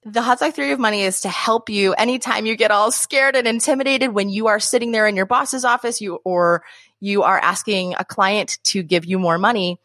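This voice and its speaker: A woman's voice: mid-range voice, fairly even intonation, a little fast, a bit bright, no echo, clean studio sound. A woman from New Jersey, an author guest on a podcast, talking enthusiastically and acting out little quoted voices. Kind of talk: podcast interview.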